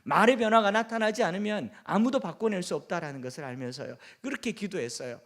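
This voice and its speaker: Earnest Gyeongsang-accented pastor preaching. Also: male voice, high voice, lively intonation, fast talker, a bit bright. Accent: Gyeongsang Korean. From Gyeongsang region, South Korea. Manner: earnest preaching with humorous asides. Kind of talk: sermon.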